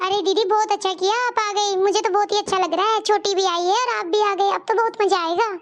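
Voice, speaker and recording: Here the cartoon daughter-in-law, voiced by a woman, pleads in a dutiful, polite way with a friendly mood. She talks fairly quickly in a very high, squeaky voice that keeps a steady tone.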